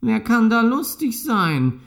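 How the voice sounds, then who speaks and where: A man's voice: very high-pitched, sing-song, slow pace, vocal fry, a bit bright, voice pushed up, full character voice. A man reading a fairy tale, voicing a weary, ageing male cat with a whiny, tearful voice. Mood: klagend.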